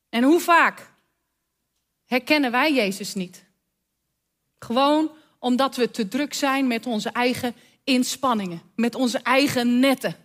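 A woman preaching a sermon, retelling a story with dramatic pauses and emphatic calls. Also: high voice.

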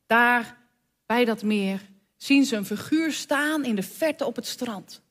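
A woman preaching a sermon, retelling a story with dramatic pauses and emphatic calls. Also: high-pitched.

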